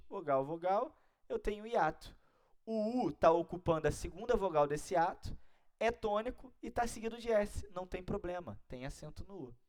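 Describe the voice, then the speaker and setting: A man with a Brazilian Portuguese accent teaching an exam-prep grammar lesson, explaining step by step and checking in with his students often. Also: high voice. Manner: didactic, keeps checking in with listeners.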